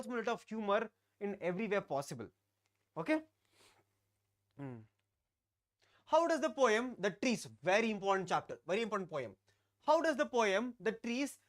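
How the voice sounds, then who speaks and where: A teacher, giving a live online class and often repeating phrases while talking to students in the chat. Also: mid-range voice. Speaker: English teacher.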